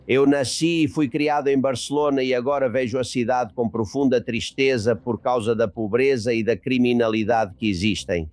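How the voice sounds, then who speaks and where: A man hosting a political talk show speaks in an even middle voice. He sounds indignant as he appeals to his listeners. The recording is dry and close, with no room sound. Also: medium pitch, no echo. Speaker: host.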